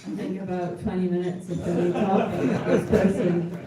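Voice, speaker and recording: A woman musician telling a casual story on stage in a halting, wry way. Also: fairly low pitch, fairly even intonation, a loud crowd. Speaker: musician, duo partner on stage. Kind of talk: casual anecdote to a concert audience. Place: indoor concert hall, on stage. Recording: echoey hall, distant live concert pickup.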